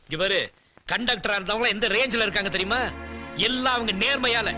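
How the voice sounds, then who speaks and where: Quick, indignant man arguing. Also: high-pitched, over music. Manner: indignant, argumentative. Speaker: bus passenger. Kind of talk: film comedy dialogue.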